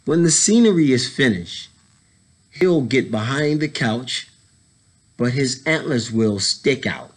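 A man in his thirties reading a children's picture book aloud, pausing to add casual explanatory asides for young listeners. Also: medium pitch, lively intonation. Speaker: story time reader, educator. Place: indoors, school library.

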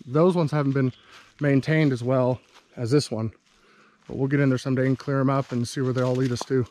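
A man's voice: mid-range voice, brisk. A man vlogging outdoors, casually explaining his farm to the camera as he walks through the woods. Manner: relaxed, explanatory, walking and talking.

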